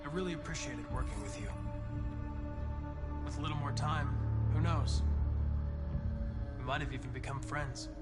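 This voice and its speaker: An actor playing a male android detective in a video game, speaking in a too-smooth, even, precise way. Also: mid-range voice, moderate pace, pauses often, natural voice. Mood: calm. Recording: game audio with music behind.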